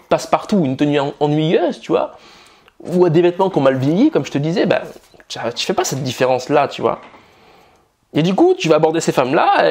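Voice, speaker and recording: A man's voice: high voice, a little mellow. A man from France giving casual, blunt style and dating advice straight to the camera, swearing freely and calling the viewer buddy.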